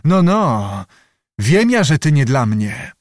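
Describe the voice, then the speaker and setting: A man's voice: medium pitch, very animated, slow pace, no echo, studio quality. A man voicing a fierce young Cossack witch, wild and coarse, in a raised chanting voice for an audiobook. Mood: teasing, sly. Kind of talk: audiobook reading.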